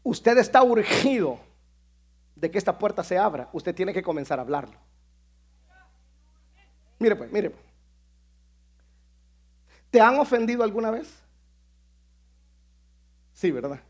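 A pastor preaching a sermon in an emphatic style that builds to shouted high points. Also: male voice, animated, unhurried, pauses often, breathy edge.

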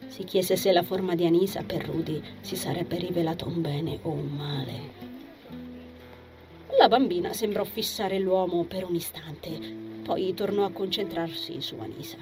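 A woman narrating an audiobook in a measured, expressive reading. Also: fairly low pitch, loud music behind the voice.

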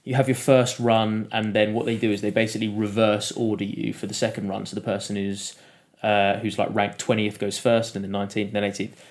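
A man, a podcast guest, telling stories in a casual, animated way and acting out the quotes of others. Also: fairly low pitch, fairly quick. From United Kingdom. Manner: animated, laughing storyteller who acts out quotes. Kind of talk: casual storytelling interview.

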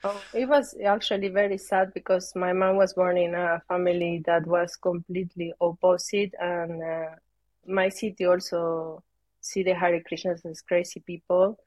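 A woman's voice: lowish voice, flat delivery, normal speed, a little mellow, dry recording. A woman from Peru speaking English with a Peruvian Spanish accent, a yoga teacher chatting as an interview guest, hesitant and searching for words. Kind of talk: casual interview chat.

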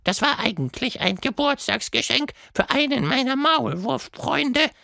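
Teasing magic monster: very high, bouncy, slow and gravelly. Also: sing-song, pushed and bright, dry recording, clean studio sound, full character voice. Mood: friendly. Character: playful magical male monster, mischievous and affectionate. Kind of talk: storybook reading.

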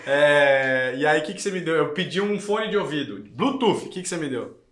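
A man hosting a casual podcast chat in an office studio, loud and teasing, often cutting in. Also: on the high side, expressive, fairly quick, roomy sound. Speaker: host. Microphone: studio mic.

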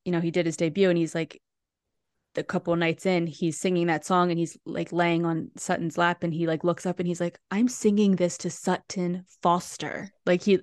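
A woman's voice: on the low side, flat delivery, fairly quick, no echo, clean studio sound. A woman co-hosting a podcast, recapping a musical in casual, rambling chat full of restarts. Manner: chatty, lots of "like" and restarts. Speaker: podcast co-host.

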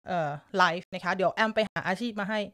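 Broadcasting a relaxed live stream from upstairs in her home, a Thai woman with a lowish, steady voice talks fast and giggles often. She is a live-stream news host who chats with viewers, reads their comments aloud and keeps coughing from a lingering cough.

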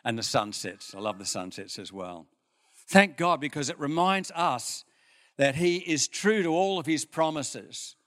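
An older Australian pastor preaching a sermon in a church, with folksy stories and an unhurried manner. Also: male voice, on the high side. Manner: folksy storytelling, lively with pauses. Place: church hall.

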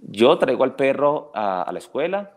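A man from Colombia, a dog trainer, explaining his methods at length in a podcast interview, animated and full of restarts as he acts out owners and dogs. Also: medium pitch, normal speed.

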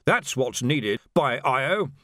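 A man doing a gruff, blustering old military lord. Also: mid-range voice, big pitch swings, slow pace, fairly bright tone, no echo, pitched above the performer's own voice. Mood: gruff, scornful. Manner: gruff, blunt, dismissive.

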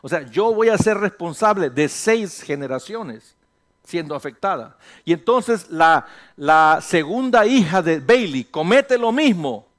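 Pastor, man, high voice, lively sermon delivery, rhetorical questions, slips into English now and then. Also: unhurried. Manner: animated, rhetorical questions, voices imagined listeners; mixes in English phrases.

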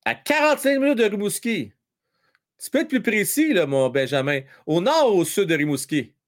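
Host, Quebec French man, lively teasing live-stream chatter, slightly high voice. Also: moderate pace. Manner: chatty, teasing, repeats himself, many fillers. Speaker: live stream host reading viewer chat during a hockey game. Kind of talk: casual live chat with hockey updates.

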